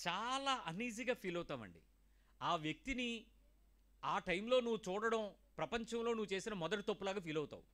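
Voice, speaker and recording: A man preaching a sermon as pastor, firing rhetorical questions and mixing English words into his speech, swinging from raised emphasis to low, dropped asides. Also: a bit bright.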